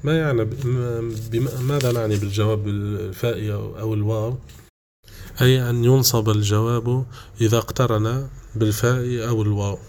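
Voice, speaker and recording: A man teaching a grammar lesson, patient and repetitive, pausing often with drawn-out fillers. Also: mid-range voice, steady tone, a little mellow. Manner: patient, repeats examples and restates points; frequent hesitations with drawn-out fillers.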